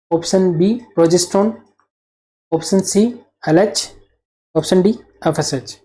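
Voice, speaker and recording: A man's voice: high-pitched, dark tone. A man teaching nursing exam material as a whiteboard lecture. He poses questions, answers them himself, and repeats the key terms.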